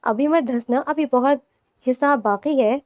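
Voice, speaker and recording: A woman doing a calm, teasing young husband. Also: high voice, no echo, studio quality, natural voice.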